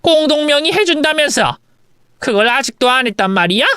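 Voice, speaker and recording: A woman voicing a bossy older mother-in-law who scolds and shouts. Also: high voice, expressive, a little fast, no echo, studio quality, voice pushed up. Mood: indignant.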